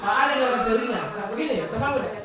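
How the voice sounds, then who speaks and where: A woman's voice: a little high, racing. A woman, a school principal and facilitator, presenting a training module and acting out classroom examples. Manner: explanatory, acts out classroom examples. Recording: echoey room, mic far off, crowd noise.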